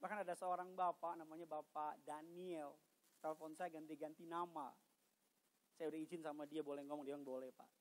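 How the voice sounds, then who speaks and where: A man preaching a sermon as a pastor in church, moving between quiet conversational asides and loud, emphatic passages, with humorous remarks and English phrases mixed in. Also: fairly high pitch, flat delivery, a little fast, low-quality recording. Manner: mixes English phrases into his speech. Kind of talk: sermon at a midweek church service.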